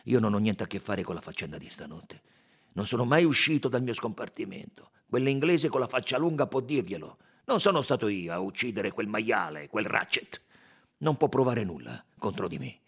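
A man's voice: on the low side, sing-song, husky, heavily acted. A man doing a blustering, defensive chauffeur. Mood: protesting. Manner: blustering, emphatic, quick to protest. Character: loud, defensive Italian male chauffeur. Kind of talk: audiobook character reading.

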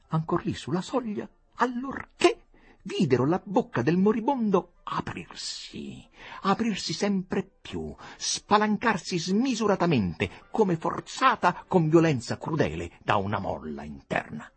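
A man's voice: lowish voice, slightly rough, no room sound. A man narrating a novel as an audiobook, reading expressively.

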